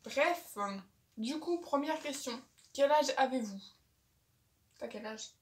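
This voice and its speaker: A woman's voice: sits high, slow, distant mic. Chatty teenage girl in an echoey room. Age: teens. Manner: chatty, bossy big sister. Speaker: youtuber. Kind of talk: casual vlog chat. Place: home, indoors.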